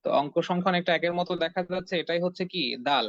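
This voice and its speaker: A man teaching Quran reading online, patiently repeating phrases and drilling syllables slowly with his students. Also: sits high, steady tone, no echo. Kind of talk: online Arabic letter lesson. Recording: dull dry lo-fi sound.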